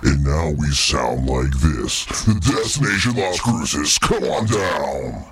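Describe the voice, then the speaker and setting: A man through a deep voice-changer effect. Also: lively intonation, slow pace, a bit bright, a little hiss or hum, heavily acted. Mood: goofy. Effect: voice changer, pitched way down. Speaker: community radio host. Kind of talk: joking on-air demo.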